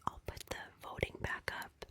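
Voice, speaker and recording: A woman hosts a murder mystery roleplay livestream in a breathy ASMR whisper. She narrates softly and deliberately, in an instructive way, and prompts her audience as she goes.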